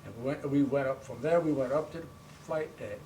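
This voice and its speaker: Old man, veteran remembering the war, plain-spoken, conversational, mid-pitched, noisy distant recording. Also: brisk, dark tone. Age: elderly. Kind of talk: recollecting wartime service in conversation. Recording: noisy room, distant microphone.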